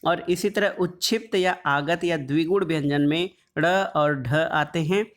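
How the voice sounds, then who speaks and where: A man teaching an exam-prep lesson on Hindi phonetics, reading quiz questions and then explaining the answers, drawing out letter sounds slowly as he lists them. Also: fairly high pitch, fairly bright tone. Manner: draws out sounds slowly when listing letters; calls the audience "friends".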